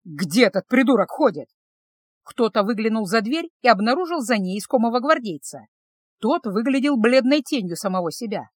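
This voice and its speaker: A woman narrating a fantasy audiobook in a steady storytelling voice. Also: a little high, fairly quick, dry recording, studio quality.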